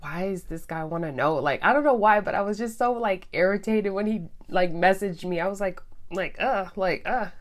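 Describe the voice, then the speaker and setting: A young woman vlogger casually telling her personal story, candid and chatty with lots of ums and likes. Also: on the low side. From Guyana and Trinidad heritage.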